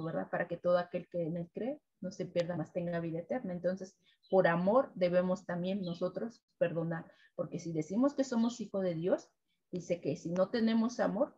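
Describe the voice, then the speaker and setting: A woman's voice: fairly low pitch, a little fast, slightly rough. Woman teaching a devotional, dull lo-fi sound. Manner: keeps adding "right?" tags, gentle repetitive preaching. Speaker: devotional co-host. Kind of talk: weekly Bible devotional teaching.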